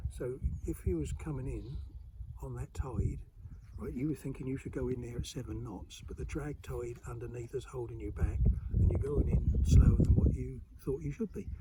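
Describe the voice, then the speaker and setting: A man with a broad East Anglian accent from the Suffolk dialect tradition speaks as an informal expert presenter. His delivery is colloquial and emphatic, pausing to spell out meanings at a mid pitch. The recording has clear background noise and clicks. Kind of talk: informal explanatory talk on dialect.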